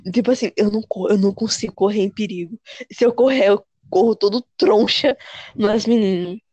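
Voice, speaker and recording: A young woman with a Brazilian accent, a podcast co-host telling scary stories in casual chat, animated and full of slang, repeating words as she goes. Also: mid-range voice, brisk, no echo, dull audio. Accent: Brazilian Portuguese.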